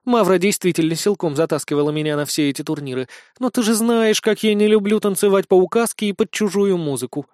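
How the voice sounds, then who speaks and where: A man's voice: high voice, fast talker, hardly any pauses, darkish tone, dry recording, studio quality, voice pushed up, close to an everyday voice. A man voicing a playful, confident young empress who teases affectionately. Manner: teasing, affectionate.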